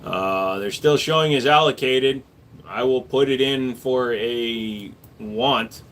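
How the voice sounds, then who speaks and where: Speaking slowly at a medium pitch, this gun shop owner runs a casual stream where he reads viewer comments aloud and tosses off relaxed replies.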